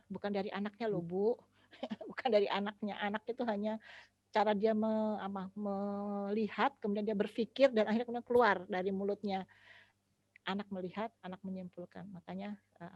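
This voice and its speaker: A woman, an Islamic speaker giving a relaxed, chatty talk on raising children, laughing often. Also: mid-range voice, dry recording, dull audio.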